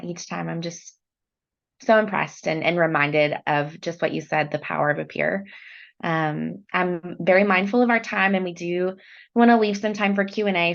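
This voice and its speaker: Low, creaky woman presenting a workshop. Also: muffled recording. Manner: explanatory, steady, with fillers. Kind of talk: conference presentation.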